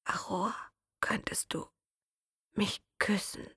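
Brief: woman voicing a dying young man in a whispered role-play, faint, breathy, halting storybook voice. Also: medium pitch, steady tone, bright, forceful tone, no echo, studio quality, pitched above the performer's own voice, full character voice.

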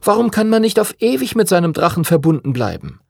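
A complaining schoolgirl from a dragon storybook, as a man acts her out. Her voice is pushed very high and lively, whiny in manner, with a dry recording. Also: a little fast, creaky, no echo, exaggerated voice.

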